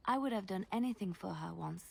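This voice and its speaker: An actress playing a gentle, romantic young woman companion in a video game, speaking in a reflective, poetic way. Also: mid-range voice, expressive, a little fast, vocal fry, husky, full character voice. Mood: nostalgic. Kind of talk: video game dialogue acting.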